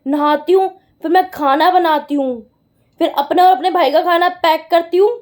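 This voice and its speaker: A woman's voice: very high voice, steady tone, moderate pace, a little mellow. A teenage girl vlogging at home with her mother, chatty and giggly, playfully protesting. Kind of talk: casual family vlog chat.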